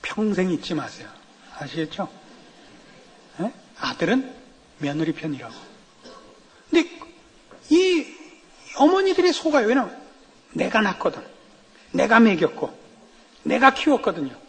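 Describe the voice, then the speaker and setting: A middle-aged man preaching a sermon as pastor, telling humorous anecdotes in a lively way. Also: high voice, a little slow, long pauses, husky. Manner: lively, animated storytelling with acted quotes. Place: church sanctuary. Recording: long reverb of a church hall.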